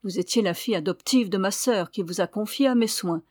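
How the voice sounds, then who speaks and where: A woman's voice: mid-range voice, fairly quick, a little mellow, no room sound, close to an everyday voice. A woman reading aloud voices a stern, imperious older guardian who mocks and commands in a raised voice. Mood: indignant. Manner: imperious, mocking.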